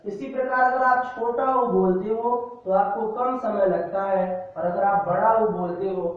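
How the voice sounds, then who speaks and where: Guy teaching a class, keeps asking and answering his own questions, high voice, sounds far away and muffled. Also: fairly even intonation, unhurried, very echoey. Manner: repetitive question-and-answer drilling. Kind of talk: classroom lecture.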